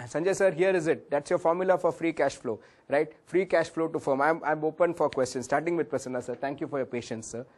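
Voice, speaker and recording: A man's voice: on the high side, brisk. A man with an Indian English accent teaching a valuation workshop, whose voice cracks at times; he calls the listeners sir and drops into Hindi phrases. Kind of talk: classroom lecture with audience questions.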